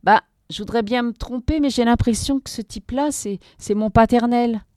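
A woman voicing a hesitant young gang member who talks in halting phrases. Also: very high voice, darkish tone, clean tone, no echo, clean studio sound, pitched above the performer's own voice. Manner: hesitant, mumbling.

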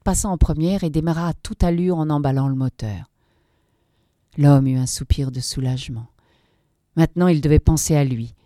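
A woman narrating a dark story in a measured, dramatic reading. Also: sits low, no room sound, clean studio sound.

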